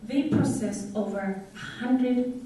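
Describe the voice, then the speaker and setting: Kenyan woman, conference speaker, higher voice, distant, echoey hall. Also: takes it slowly, dark tone. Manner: engaging, asks the audience questions. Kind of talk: conference talk.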